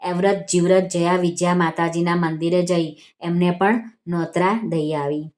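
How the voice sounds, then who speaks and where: A woman with a Gujarati accent narrating a devotional vrat story in a calm, measured reading voice. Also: lowish voice. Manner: calm, measured reading with quoted dialogue lines.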